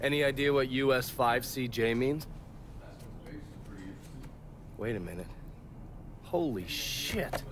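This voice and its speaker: An actor playing a calm male intelligence ally with dry wit, asking measured, probing questions. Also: mid-range voice, natural voice. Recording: game audio with crowd-like background.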